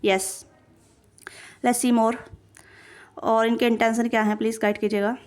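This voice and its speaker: एक महिला tarot reader, जो कैमरे से सीधे बात करते हुए रीडिंग करती है और बहुत सारे भराव-शब्दों और खुद को सुधारते हुए लगातार बोलती जाती है।. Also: female voice, fairly high pitch, little pitch movement, darkish tone. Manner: rapid run-on talk with many fillers and self-corrections. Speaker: tarot reader. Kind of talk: casual tarot reading to camera.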